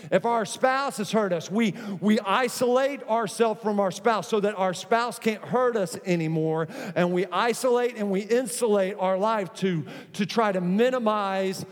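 A man with a high voice preaches a sermon in a large church auditorium, where his words trail off in long reverb. His delivery is emphatic and built on repetition, with joking asides mixed in. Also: unhurried, hardly any pauses. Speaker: pastor.

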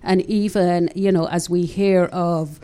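Older lady hosting church radio in the studio, low mellow voice, lots of amens. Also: steady tone, unhurried. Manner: warm preacherly interjections, praise the Lord. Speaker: radio show host.

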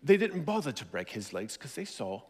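A man's voice: mid-range voice, big pitch swings, normal speed, a little mellow, slightly rough. A man playing an earnest English army doctor sidekick in a church stage skit, with a put-on English accent and a formal, explaining manner.

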